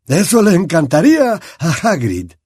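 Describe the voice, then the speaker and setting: Dumbledore, a man doing a calm old headmaster. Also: on the high side, breathy edge, no room sound, pitched above the performer's own voice, heavily acted. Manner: calm, measured, gently firm.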